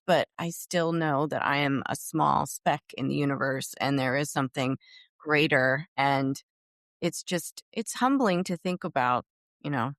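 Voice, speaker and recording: A middle-aged woman hosting a podcast, asking questions and sharing thoughts in a soft, reflective, encouraging way. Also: fairly low pitch, dry recording, clean studio sound. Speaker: podcast host. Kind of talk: interview conversation.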